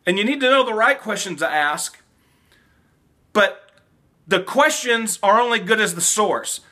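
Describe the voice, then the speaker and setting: Fired up guy in his 50s vlogging trucking tips, high bright voice, lots of restarts. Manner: animated, gestures a lot, repeats and restarts. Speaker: vlogger, new truck driver. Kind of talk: casual to-camera vlog advice. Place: small home room by a whiteboard.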